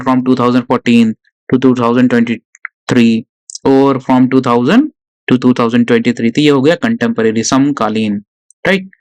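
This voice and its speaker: A man teaching an exam vocabulary lesson online, who asks his own questions, answers them and repeats key words slowly, in Hindi mixed with English spoken with an Indian accent. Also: medium pitch, dry recording.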